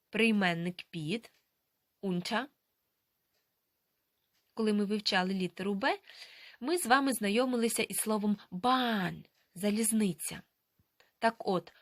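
Slow, careful woman teaching pronunciation. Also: mid-range voice, dry recording, studio quality. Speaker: language teacher. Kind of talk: scripted language lesson.

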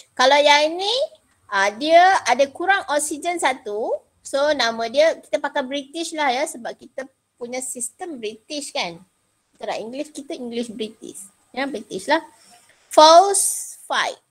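A middle-aged woman with a Malaysian Malay accent teaching an informal online lesson, chatty, repeating points and mixing in English terms. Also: high voice. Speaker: chemistry teacher. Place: indoors, on a video call.

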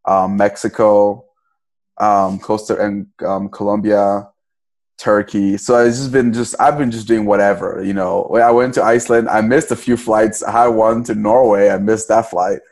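Young man, from Cameroon, low-pitched, rambling casual talk, many restarts. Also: level tone, normal speed, a little mellow. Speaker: podcast guest. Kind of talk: casual interview.

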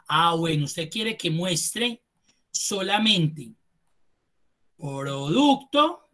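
A man's voice: high-pitched, fairly bright tone. A man teaches a live class and walks students through each step with patience. He thinks aloud as he goes, restarting phrases and stretching out some words. He speaks to the students in a polite, formal way. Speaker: Excel instructor. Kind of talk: live online class walkthrough.

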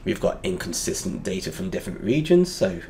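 A man teaching a lesson over a whiteboard drawing, explaining step by step and pausing often with fillers. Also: deep voice, very animated, dark tone, a little hiss or hum.

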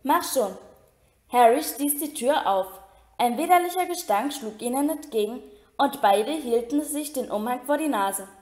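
A woman reads a story aloud in a steady, even storytelling way, now and then tripping and restarting a word. Her voice sits a little high. A roomy echo hangs around the recording. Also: normal speed. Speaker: reader. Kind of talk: amateur audiobook reading.

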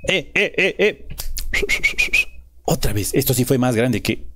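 A young man commentating a game live, his voice sitting in an ordinary middle register. He plays along with the characters in a joking, theatrical way. He yells in one stretch and drops to a hushed whisper in the next. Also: mid-range voice, animated, takes it slowly, a little hiss or hum. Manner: mixes loud outbursts with hushed whispers. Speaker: streamer.

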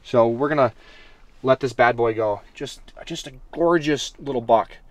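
A young man chatting casually and excitably to the camera as a fishing vlogger inside a tent. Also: medium pitch, normal speed, no echo. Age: young adult. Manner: excitable, slangy. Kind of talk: casual vlog chat. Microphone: camera a short distance away. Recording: faint noise on camera audio.

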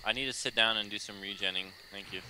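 A man's voice: fairly low pitch, fairly even intonation, quick pace. A man making crude, teasing banter in casual chat while playing an online game with friends. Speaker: gamer in a let's play group. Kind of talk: casual chat during gameplay. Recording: faint noise, insects and game ambience.

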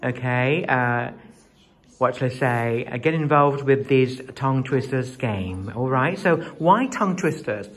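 A man's voice: medium pitch, expressive, extremely slow. A man with a Thai accent teaching an English class, mixing Thai and English as he coaxes his students along.

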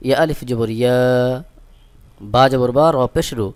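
A man teaching Quran reading, spelling Arabic prayer words letter by letter and then slowly chanting each joined word. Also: medium pitch. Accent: Bangladeshi Bengali.

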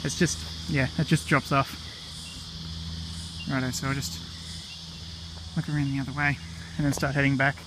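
A man's voice: medium pitch, normal speed, pauses often. A man with an Australian accent hosting a casual vlog, talking chattily with fillers as he walks outdoors on an old railway platform. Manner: chatty, relaxed, with fillers and "righto". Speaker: vlog host. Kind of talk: casual walking vlog narration. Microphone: handheld camera mic while walking. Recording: outdoor camera audio with clear insect noise.

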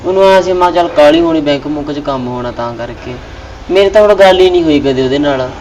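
An actor playing an evasive young village friend. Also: male voice, fairly high pitch, fast talker, a little mellow, a little hiss or hum, natural voice. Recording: far from the mic.

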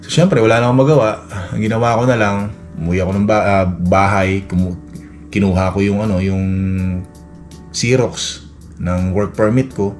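Isang lalaking vlogger na nakatira sa Canada at kaswal na nagkukuwento ng sariling karanasan, paulit-ulit na nauutal at maraming "ano". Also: male voice, lowish voice, normal speed, a little mellow. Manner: rambling, many restarts and fillers, acts out quoted dialogue. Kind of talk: casual storytelling vlog. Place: Edmonton, Canada. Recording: faint music behind.

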